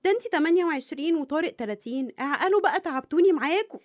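Brief: woman voicing playful sister who teases, Egyptian accent, quick speech. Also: high-pitched, lively intonation. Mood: teasing. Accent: Egyptian Arabic. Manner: teasing, affectionate. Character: teasing young sister, playful.

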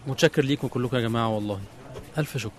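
A man's voice: mid-range voice, racing, over a noisy crowd, natural voice. A man with an Egyptian accent playing a young businessman who stammers in disbelief. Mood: puzzled. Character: shocked young businessman betrayed by colleagues. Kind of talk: radio drama acting.

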